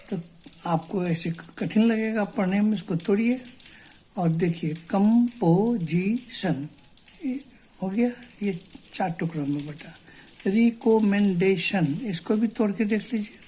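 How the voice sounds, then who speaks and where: A woman teaching a basic English lesson in Hindi, explaining slowly and repeating words syllable by syllable. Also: mid-range voice, mellow, a little hiss or hum. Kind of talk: spoken Hindi language lesson.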